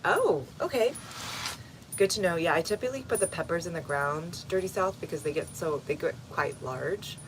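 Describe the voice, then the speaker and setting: Low-voiced woman chatting on a garden livestream. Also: lively intonation, normal speed, background noise. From Texas, United States. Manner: chatty, answers comments one by one with fillers. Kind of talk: casual livestream chat answering viewers. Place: outdoor home garden.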